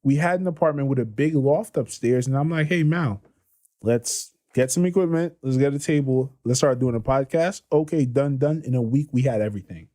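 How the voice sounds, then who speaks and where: A man's voice: mid-range voice, a little fast. Young man telling his story with energy. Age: 20s. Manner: excited storytelling with slang and restarts. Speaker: podcast guest. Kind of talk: casual podcast chat.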